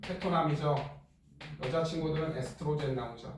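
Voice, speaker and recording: A middle-aged male teacher lecturing a class in a joking, blunt way and firing quick questions at students. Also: on the high side, background noise. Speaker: middle school science teacher. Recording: echoey classroom from far off.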